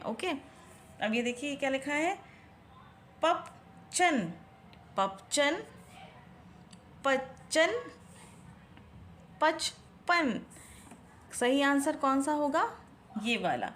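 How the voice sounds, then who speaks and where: High-voiced woman tutor sounding out words. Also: a bit bright, a little hiss or hum. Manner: slow, drawn-out syllables when sounding out words, questions to the viewer; mixes English words into Hindi. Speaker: Hindi tutor. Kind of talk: teaching young children a Hindi worksheet.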